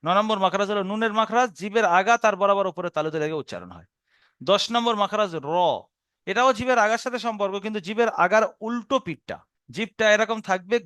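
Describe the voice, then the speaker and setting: High-voiced man teaching letter sounds. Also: a bit bright, no room sound. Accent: Bengali. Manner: patient, repeats and demonstrates sounds slowly. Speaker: Quran recitation teacher. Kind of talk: explaining Arabic letter pronunciation.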